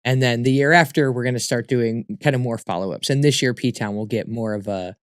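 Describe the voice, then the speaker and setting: A man talking casually as an interview guest, a comedian telling stories in an animated way with emphatic repeats. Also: mid-range voice, brisk, clean tone, no room sound, studio quality.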